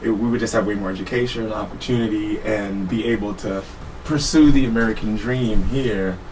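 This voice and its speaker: A man in his thirties, born in Trinidad and Tobago, telling his life story as a guest in a studio interview, relaxed and laughing easily. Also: on the low side, a little fast. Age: 30s. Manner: relaxed, laughs often, self-correcting. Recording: distant mic with faint room noise.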